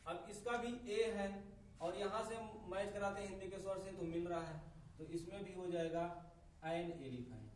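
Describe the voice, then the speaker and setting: A man teaching a grammar lesson, explaining slowly and methodically, spelling out sounds one by one. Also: high-pitched. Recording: echoey room, voice from a distance, faint ambient noise.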